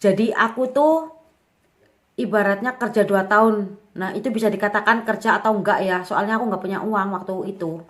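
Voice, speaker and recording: In her twenties and vlogging to camera, a woman recounts her own experiences with easygoing candor and frequent casual fillers, her voice pitched in the medium range.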